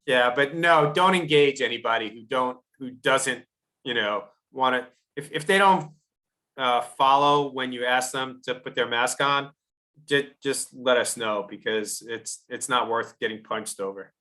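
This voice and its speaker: Man, bright voice, halting, lots of fillers, casual Q&A trainer. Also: mid-range voice. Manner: halting, many fillers and restarts. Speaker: usher trainer. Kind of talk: casual Q&A on a video call.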